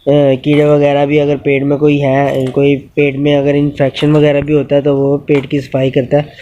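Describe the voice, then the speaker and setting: A man talks through goat care outdoors in a casual vlog, unhurried and full of pauses. His voice is mellow and dark, with a fairly high pitch and an almost flat, level tone. The phone audio is dull and lo-fi, with faint outdoor ambience behind him. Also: a little hiss or hum. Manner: unhurried, explanatory, with many pauses and fillers. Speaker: goat keeper and channel host. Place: outdoors in a yard with animals.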